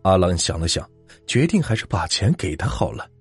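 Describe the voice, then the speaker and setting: A man's voice: low-pitched, very animated, brisk, husky, dry recording, faint music behind. A man narrating a ghost story in a dramatic, suspenseful way.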